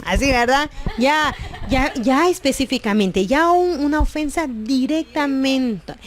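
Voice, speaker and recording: A woman's voice: high voice, unhurried. A woman preaching a sermon, often tagging her sentences with questions to the listeners. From Guatemala. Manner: constant "¿verdad?" tag questions, preachy.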